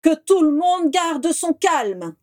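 A woman's voice: very high voice, sing-song, slow, voice pushed up, full character voice. Woman reading as commanding old wizard Dumbledore. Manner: loud, urgent orders.

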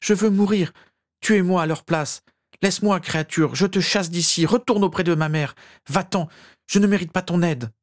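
A man's voice: fairly low pitch, normal speed, no room sound, studio quality, lightly acted. A man voicing a young wizard in agony, despairing, sobbing and pleading in a strained voice. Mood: anguished. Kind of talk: amateur audiobook character voice.

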